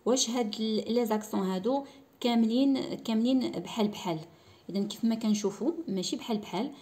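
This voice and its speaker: Her voice sits on the higher side with a dark tone as she, a woman teacher with a Moroccan Arabic accent, runs a school lesson. She goes slowly and repeats words as a model of how they sound.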